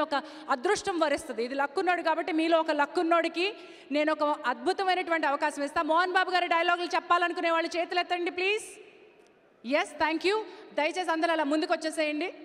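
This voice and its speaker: High-voiced woman anchor in a reverberant hall. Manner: lively, playful, mixes English phrases into her talk. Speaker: event anchor. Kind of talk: live stage hosting. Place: large event hall. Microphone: handheld stage mic. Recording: long reverb of a large hall.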